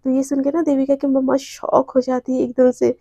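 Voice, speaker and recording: Brief: woman storyteller, high and mellow, chatty rambling retelling, dry close sound. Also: level tone, brisk, dry recording. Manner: chatty retelling with frequent fillers. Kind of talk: casual story narration.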